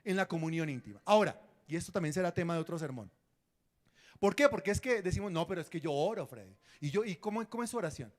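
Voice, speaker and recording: A man's voice: high voice, lively intonation, quick pace. A man preaching a sermon as pastor, acting out prayers and dialogues and quizzing his congregation.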